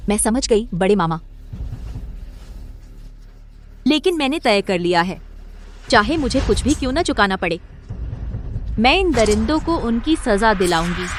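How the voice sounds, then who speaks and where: A woman's voice: on the high side, very animated, moderate pace, noisy background. A woman dubbing a determined young woman vowing justice. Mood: resolute. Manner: resolute, earnest. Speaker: dub actor. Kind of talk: Hindi drama dub.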